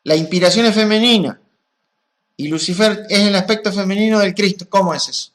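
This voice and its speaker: A man, a spiritual teacher answering questions in a calm, explanatory way and chanting mantras with drawn-out vowels. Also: high-pitched. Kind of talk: gnostic teaching talk.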